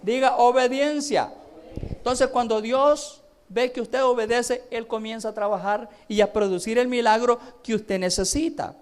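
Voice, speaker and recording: A man's voice: extremely high pitch, fairly even intonation, normal speed. A man with a Honduran accent, a pastor preaching a sermon and calling the congregation to repeat phrases after him. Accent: Honduran Spanish. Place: church service.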